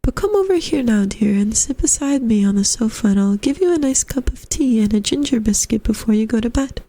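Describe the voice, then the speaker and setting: A woman's voice: a little high, animated, a little fast, dark tone. A woman voicing a genteel, fussy landlady in a story, with a dainty, coaxing and doting manner. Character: genteel, fussy, sweetly insistent middle-aged landlady. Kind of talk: storybook character voice.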